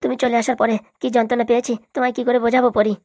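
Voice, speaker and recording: A remorseful young husband pleads with his wife in a cartoon, voiced by a woman. The voice is raised above her own and rushes along. It sounds a touch distant from the mic. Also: fairly high pitch, little pitch movement, darkish tone, pitched above the performer's own voice, natural voice. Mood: apologetic. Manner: pleading, earnest. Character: apologetic young husband begging his wife's forgiveness. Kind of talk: cartoon voice acting.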